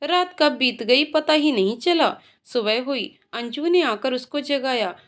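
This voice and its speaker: High-pitched woman telling an emotional story, dramatic narration. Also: lively intonation, unhurried. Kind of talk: scripted narration.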